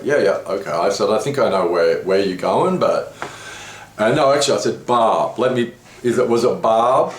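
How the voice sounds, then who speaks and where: Man, lowish voice, lively storyteller, echoey room with faint noise. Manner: animated retelling, voicing others with rising pitch. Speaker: interviewee telling a story. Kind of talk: casual storytelling conversation.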